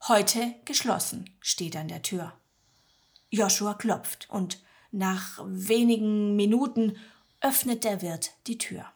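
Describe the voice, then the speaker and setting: Slow-reading woman storyteller. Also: medium pitch, a little mellow. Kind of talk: scripted story narration.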